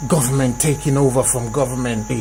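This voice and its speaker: Man, host, casual group talk, repeats key phrases, mid-pitched voice. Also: fairly even intonation, quick pace, dark tone, slight background noise. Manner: repeats and rephrases his points for emphasis.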